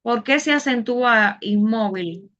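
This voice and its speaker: A woman's voice: on the high side, measured pace, a bit bright, lo-fi sound. A woman teaching a class, explaining patiently step by step and asking her students questions. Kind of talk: online Spanish class.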